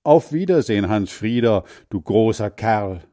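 Friendly storybook shopkeeper, man reading, somewhat lifted pitch. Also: expressive, a little slow, dark tone, dry recording, studio quality. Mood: kindly. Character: kindly older shopkeeper man.

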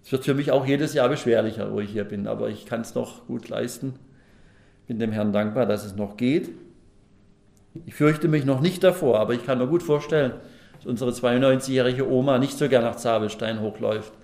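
A man's voice: mid-range voice, fairly quick, creaky, a little mellow. A middle-aged man preaching a sermon at a lectern, folksy and chatty, asking the congregation questions. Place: church hall at a lectern. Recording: echoey room.

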